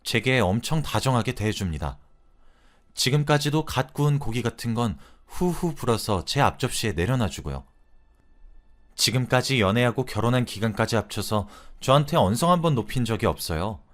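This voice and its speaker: A man's voice: medium pitch, expressive, normal speed. A man narrating a wife's real-life story in a chatty, confiding storyteller's manner. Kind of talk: scripted narration of a listener's story.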